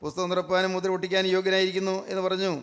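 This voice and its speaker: Racing along in a completely flat, fairly bright, high voice, a Malayali-accented preacher fills a big room with his sermon. He stresses his points by repeating them and keeps breaking into praise phrases.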